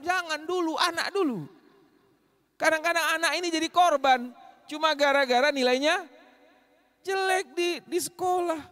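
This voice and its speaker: A man from Medan with a Medan accent, giving a lively mosque sermon that swings between loud punches and low asides. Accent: Medan Indonesian. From Medan, Indonesia. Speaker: preacher.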